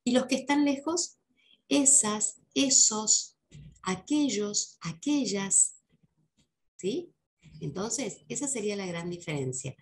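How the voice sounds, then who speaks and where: Unhurried woman teacher with gravelly voice. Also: mid-range voice, animated. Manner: patient, slows down to model English words. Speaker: English teacher. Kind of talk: lesson explaining English for Spanish speakers.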